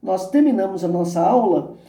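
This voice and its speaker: A Brazilian man with a Brazilian Portuguese accent recording a video lesson as a religious education teacher. He talks to his students in a calm, unhurried way, checks in with them often and reads a poem and a parable aloud with expression. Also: high-pitched, gravelly, reverberant. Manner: calm, unhurried, addresses students directly with frequent "ok?".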